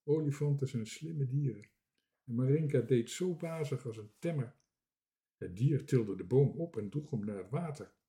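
A man reading a children's book aloud with expressive storytelling. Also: mid-range voice, normal speed. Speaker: reader.

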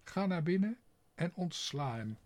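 A man reading a storybook aloud, voicing a shrill, snobbish lady of the house who scolds in a high, piercing voice. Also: expressive, measured pace, a little mellow. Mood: fretful. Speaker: employer of the cook.

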